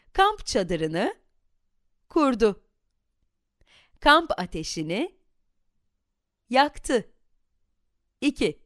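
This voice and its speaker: A woman reading a children's story aloud in an expressive, animated storytelling manner. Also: on the high side, no room sound, studio quality.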